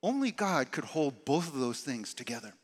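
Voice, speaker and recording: A man preaching a sermon as pastor, emphatic and animated, sometimes dropping his voice very low and soft. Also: normal speed, long reverb tail. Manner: animated, emphatic preaching with dramatic drops to quiet.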